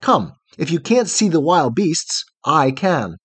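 A man voicing a brave, gentle young woman of the night who coaxes and protects her frightened companion. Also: on the high side, takes it slowly, breathy edge, dry recording, exaggerated voice. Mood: coaxing. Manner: calm, coaxing, protective.

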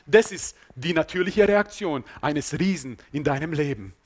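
A man preaching a sermon with repetitive phrasing, swinging between loud emphasis and low, quiet asides. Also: expressive, moderate pace. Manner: often drops to a low, quiet voice.

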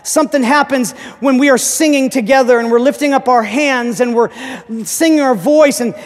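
Man, pastor, animated sermon, very high pitch, reverberant church hall. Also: moderate pace. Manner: animated preaching, rising to shouts.

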